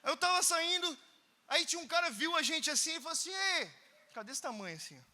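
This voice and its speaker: A Brazilian man preaches from a conference stage in a very high, sharp, bright voice. He tells animated stories and breaks into shouts now and then. A long hall reverb trails behind his words. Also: quick pace. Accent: Brazilian Portuguese. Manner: animated storytelling that bursts into shouts. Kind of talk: conference sermon.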